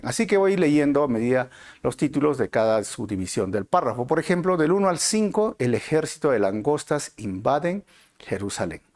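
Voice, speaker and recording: A man with a Peruvian Spanish accent leads an online Bible study at a mid pitch. His voice has a gravelly edge, and he explains things step by step. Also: a little mellow. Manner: methodical, explanatory, self-correcting. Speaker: Bible teacher. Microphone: close mic, streamed online.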